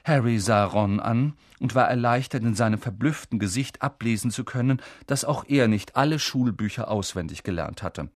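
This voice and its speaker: A man narrating an audiobook with expressive, lively storytelling. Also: medium pitch, normal speed, few pauses, no room sound, clean studio sound.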